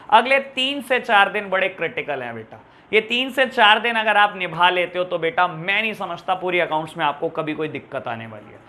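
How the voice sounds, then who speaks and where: High-voiced fatherly male accounts teacher. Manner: fatherly, calls students beta and pyare bachhon; repeats key terms, swings between loud and soft. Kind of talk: online class lecture.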